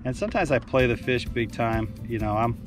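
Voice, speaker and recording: Fishing from a lake boat, a middle-aged guide and channel host chats enthusiastically to his action camera about products in a brisk, salesman-like patter with plenty of fillers. Music plays underneath.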